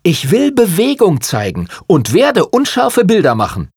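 A man's voice: a little high, very animated, a little slow, breathy edge, dry recording, clean studio sound, voice pushed up, full character voice. A man voicing a young male photographer who speaks up defiantly and eagerly. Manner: raised, challenging, defiant.

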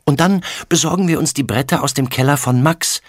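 A man's voice: on the high side, a little fast, no echo, clean studio sound, voice pushed up, natural voice. A man voicing a chatty, eager little girl in a children's audiobook, rattling off plans breathlessly.

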